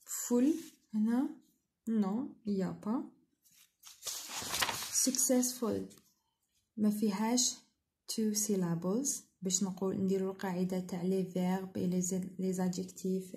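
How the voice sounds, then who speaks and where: A woman English teacher with an Algerian accent, going through pronunciation exercises, drawing out model words slowly between quick asides. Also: mid-range voice, dark tone. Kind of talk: spoken exercise walkthrough.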